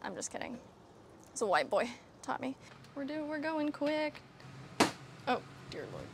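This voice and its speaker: A woman's voice: sits high, expressive, normal speed, gravelly, heavy background noise. Chatty, self-mocking young woman vlogger. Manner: chatty, self-deprecating, swears casually, laughs often. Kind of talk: casual vlog, rambling. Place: camper trailer and outdoor land.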